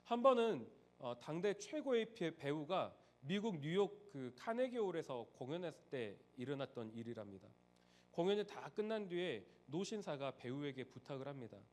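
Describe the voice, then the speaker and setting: A man preaching a sermon as a pastor, switching between loud emphasis and hushed asides. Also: on the high side, very animated, moderate pace.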